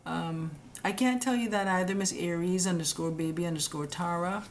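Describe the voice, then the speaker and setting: A woman's voice: lowish voice, normal speed, slight background noise. A woman hosting a live stream, explaining immigration rules in a direct, chatty, scolding way and addressing viewers as guys. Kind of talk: casual live-stream explainer answering comments. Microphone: webcam or phone on a live stream.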